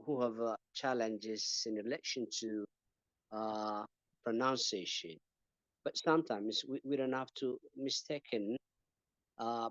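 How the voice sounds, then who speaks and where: A man's voice: medium pitch, dry recording, lo-fi sound. A man from Ethiopia answering questions as a panelist in an online teaching webinar, talking hesitantly with many fillers and repeated words.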